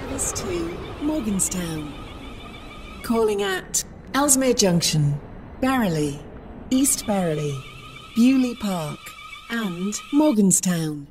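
A woman giving automated train station platform announcements over a loudspeaker, with measured, evenly spaced delivery. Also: mid-range voice, sing-song, big-room sound, a little hiss or hum.

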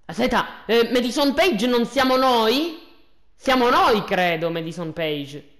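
This gaming host offers casual, joking commentary, getting excitable and repeating phrases. His voice sits mid-range and he takes his time.

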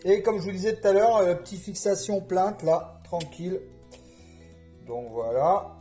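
A high-pitched man chats through his home DIY project in a playful, joking way, putting on a southern French accent as he talks to viewers. Faint music plays underneath. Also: unhurried, warm tone. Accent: put-on southern French. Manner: playful, jokey, talks to viewers, hums and sings bits. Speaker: DIY vlogger. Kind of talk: casual home DIY vlog.

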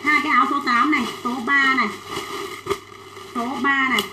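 Woman, livestream seller, chatty sales patter, high-ish voice, roomy echo. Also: steady tone, moderate pace, background noise. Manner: chatty, reads out sizes and buyers' names. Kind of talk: fast livestream sales pitch.

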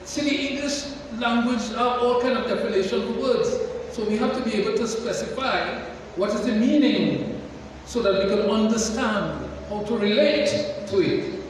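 A man preaching a sermon in a church, slow and deliberate, putting questions to the congregation. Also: very high-pitched, slight background noise. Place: large church hall. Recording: echoey church hall from far off.

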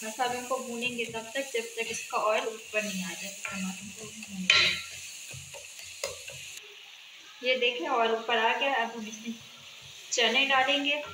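A woman with a fairly high voice hosts a home cooking channel, calmly walking viewers through each recipe step and often pausing to check in with them. She's in an echoey home kitchen, and the pan's frying and sizzling can be heard throughout.

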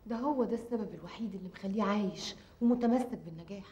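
An actress playing a troubled young woman with an Egyptian accent, soft and hesitant as she confides. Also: mid-range voice, very fast, slight background noise, lightly acted. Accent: Egyptian Arabic. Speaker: actor in TV drama. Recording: roomy TV drama sound.

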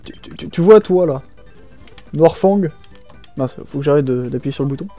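A man's voice: a little high, animated, moderate pace, warm tone. A young man giving casual, joking gaming commentary, rambling and slangy as he plays and reads dialogue aloud. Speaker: video game let's player. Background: faint game music.

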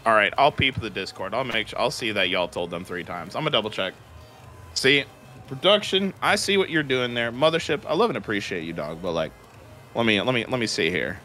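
A man's voice: on the low side, expressive, brisk, bright, forceful tone. A man calling live fighting game play-by-play in a playful, slangy, exclamatory way. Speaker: esports tournament commentator. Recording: music behind the voice.

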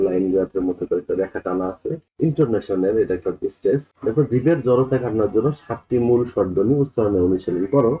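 A man with a Bangladeshi Bengali accent, teaching a lesson, explaining step by step and slowly repeating vowel sounds. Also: mid-range voice. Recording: tinny phone-like audio.

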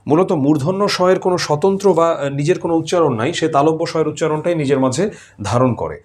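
A man teaching pronunciation. He says the sounds slowly and repeats each example. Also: fairly high pitch, darkish tone. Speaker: language teacher. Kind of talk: pronunciation lesson.

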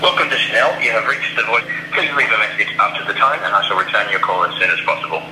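A man's voice: lowish voice, fast talker. A man's recorded voicemail greeting heard over a phone line, in a formal announcing manner. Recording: echoey noisy phone line.

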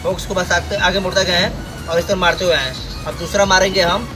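A man's voice: high voice, fairly even intonation, a little fast, loud music behind the voice. A young man with an Indian accent teaching welding step by step, repeating each instruction, recorded on a workshop floor. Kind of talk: hands-on tutorial.

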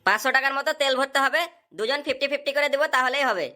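A woman's voice: high voice, very fast, sharp tone. A woman voicing a brash young man, the chief's son, in a cartoon. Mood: pushy. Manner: brash and pushy.

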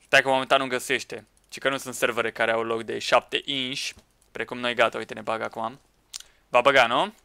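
A man commenting on a Minecraft match with friends, excitable, shouting at teammates and laughing. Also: mid-range voice, gravelly, smooth, no echo. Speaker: gaming YouTuber.

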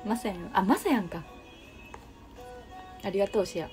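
A woman's voice: medium pitch, expressive, normal speed, a little mellow, faint music behind. A young woman with a Kansai Japanese accent hosting a casual livestream, chatting and answering viewer comments. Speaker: livestream host.

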